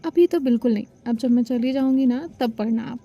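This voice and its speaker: A woman's voice: fairly high pitch, fairly quick, lo-fi sound. A woman voicing a shy, affectionate young student in a told story, talking hesitantly. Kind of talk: storytelling dialogue.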